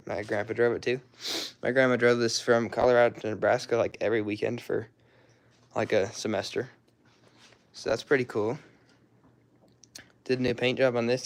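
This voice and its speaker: A young male vlogger and car hobbyist gives a casual walkaround of his garage in a medium-pitched, hoarse voice, clearing his throat and coughing along the way. His talk is rambling, loose and offhand, and he often trails off mid-sentence.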